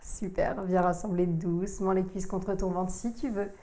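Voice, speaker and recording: A woman, working as a yoga teacher, calmly cueing breath and movement through a core workout. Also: on the low side. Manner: calm, slow cueing of breath and movement, addressing the listener informally.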